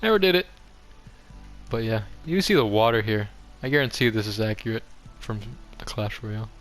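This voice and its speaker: With music running in the background, a young gaming video host offers loose, offhand commentary on a game tour, often poking fun at himself. He is a young adult man whose voice sits on the low side, with a fairly bright tone and a moderate pace.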